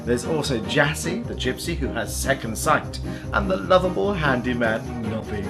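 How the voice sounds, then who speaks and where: Woman playing a theatrical femme fatale hostess, lively low-to-middle voice. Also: normal speed. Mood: sultry, teasing. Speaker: show hostess and soap actress. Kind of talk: scripted in-character introduction. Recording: loud music under the voice.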